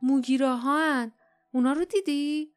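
A woman voicing a bold, sharp-tongued young girl in an audiobook, speaking in urgent, hushed tones. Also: high voice, steady tone, soft background music, voice pushed up, natural voice.

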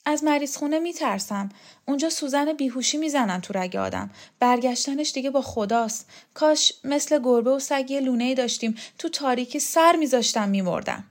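A woman's voice: fairly high pitch, expressive, voice pushed up. A woman voicing a frail, fearful sick woman. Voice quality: plaintive, worried.

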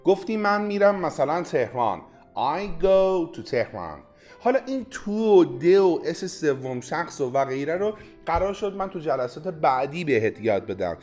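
A man teaching a podcast language lesson, coaching the listener directly with quick prompts, drills and praise. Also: a little high, big pitch swings, darkish tone, soft background music.

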